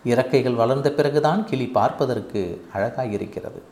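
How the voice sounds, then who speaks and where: A man's voice: medium pitch, normal speed, a little mellow, lightly acted. A man reading as a proud, stubborn elder sister. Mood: scolding. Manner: boastful, defiant. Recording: echoey room with faint noise.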